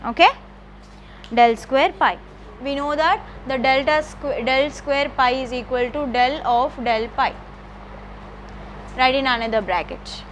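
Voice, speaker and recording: A woman college math lecturer, dictating notes slowly and repeating phrases, often checking with the class. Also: sits high, a bit bright, slight background noise. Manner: repetitive, slow dictation with checking questions.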